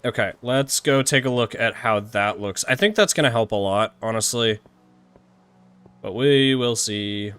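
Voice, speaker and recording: A man's voice: mid-range voice, measured pace, a bit bright, clear, resonant tone. A man live-streaming a game, rambling and chatting with viewers, often laughing and tripping over his words. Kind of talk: live-streamed gameplay chat.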